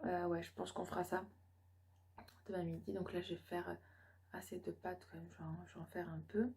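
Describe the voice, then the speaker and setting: A woman's voice: fairly low pitch, level tone, fairly quick, a little mellow, slight background noise. A young woman from France talks in a loose, casual vlog style. She sounds tired and rambles along. Her sentences are full of fillers and false starts. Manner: rambling, many fillers and restarts. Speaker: vlogger, student mother.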